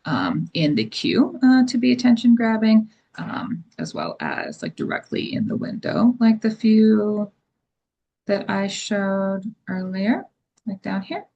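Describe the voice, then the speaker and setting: Casual woman presenting software. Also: mid-range voice, sing-song, takes it slowly, creaky, lo-fi sound. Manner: casual, filler-heavy explaining. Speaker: product presenter. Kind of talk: webinar demo and Q&A.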